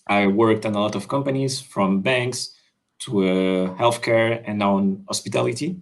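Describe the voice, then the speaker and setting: A Swiss-born man talks over a video call, explaining his app work with frequent pauses and "uh"s. His voice sits a little low. He sounds casual and unscripted, restarting sentences as he goes. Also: fairly even intonation. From Switzerland. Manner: hesitant, many fillers and restarts. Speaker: crypto developer.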